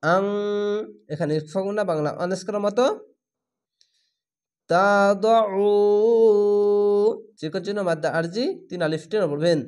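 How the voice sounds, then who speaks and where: A man teaching Quran reading in a spelled-out lesson, drawing out recited words very slowly and then explaining each rule in a plain, instructive voice. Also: high-pitched.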